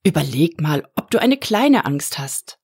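A woman voicing Max, a patient boy who calmly coaxes a frightened dragon in a storybook reading. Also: deep voice, measured pace, slightly rough, no room sound, exaggerated voice. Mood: coaxing. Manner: patient, coaxing.

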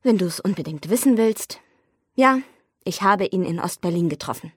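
A woman voicing a calm, detached young woman who answers quietly and evasively. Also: on the low side, normal speed, slightly rough, dry recording, studio quality. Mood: cool, evasive.

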